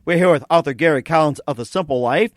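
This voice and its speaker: Male host, slightly high voice, interview chat and promo reads, dry studio recording. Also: fast talker, no room sound. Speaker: radio show host. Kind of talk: interview hosting with scripted promos.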